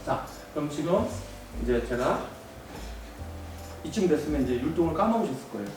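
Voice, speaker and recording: A man giving a lively workshop lecture to teachers, acting out students and teachers in quick voices and asking the room questions. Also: fairly high pitch, recorded from a distance. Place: large basement seminar hall, in front of an audience. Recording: roomy echoing hall, mic from afar, faint music.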